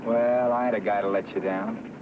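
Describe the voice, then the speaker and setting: Ex-con drifter played by a man, rough drawl, old film hiss, muffled sound. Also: fairly low pitch, steady tone, normal speed, distant mic, close to an everyday voice. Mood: guarded. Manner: drawling, rough folksy speech. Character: hard-bitten male ex-convict drifter.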